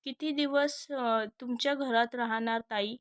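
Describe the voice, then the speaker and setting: A woman's voice: on the high side, fairly even intonation, measured pace, no echo, studio quality, close to an everyday voice. A woman voicing a pushy, conniving middle-aged mother in a storybook reading.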